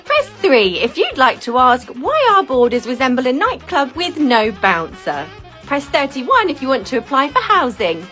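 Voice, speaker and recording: A bright, lilting recorded phone message voice, a woman putting on a deadpan, sarcastic automated menu. Her pitch sits a little high and swings widely from line to line, with faint music underneath. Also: normal speed, full character voice.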